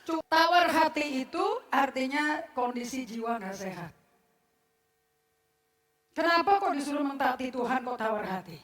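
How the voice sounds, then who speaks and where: Blunt, scolding high-voiced woman preacher. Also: animated, moderate pace, long pauses, a bit bright, far from the mic. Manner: scolding, blunt and jokey, mixing formal and slang. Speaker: pastor. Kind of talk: sermon. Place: church service. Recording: echoey church hall.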